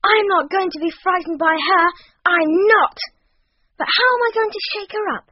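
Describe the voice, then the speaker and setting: A woman voicing an eight-year-old boy who stammers when frightened and grows excitable as he schemes, in a dramatized storybook. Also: very high-pitched, normal speed, no room sound, lo-fi sound. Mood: excited scheming. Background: music underneath.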